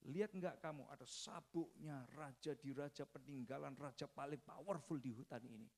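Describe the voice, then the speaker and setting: Man voicing a clever deer, flattering, crafty, storybook fable. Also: mid-range voice, moderate pace, lightly acted.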